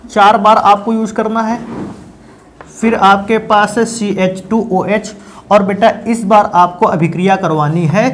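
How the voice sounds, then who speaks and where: In a chemistry lecture, a male teacher with a high voice addresses his students as beta and bhaiya. He keeps posing questions and then answering them himself, over slight background noise.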